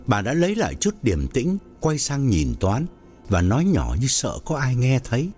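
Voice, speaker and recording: Man narrating with sweeping pitch. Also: huge pitch swings, darkish tone, faint music behind. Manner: measured storytelling with wide pitch swings. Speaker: audiobook narrator. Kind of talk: scripted story narration.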